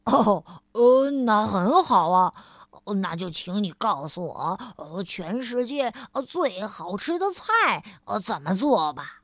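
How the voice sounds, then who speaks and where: A woman's voice: mid-range voice, sing-song, takes it slowly, no echo, studio quality, voice pushed down, heavily acted. A woman doing a greedy food-loving little man. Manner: hesitant, chuckling with fillers.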